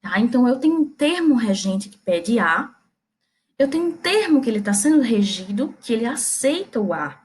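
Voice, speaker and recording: A Brazilian woman teaching Portuguese grammar in a recorded lesson, explaining step by step, checking in with her students and making small playful jokes. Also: a little high. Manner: chatty and playful, makes small jokes and slips.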